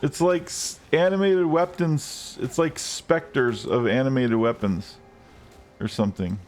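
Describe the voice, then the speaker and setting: A man chatting casually on a game live stream, rambling and swearing freely, with excited outbursts. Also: mid-range voice, a little slow, faint music behind.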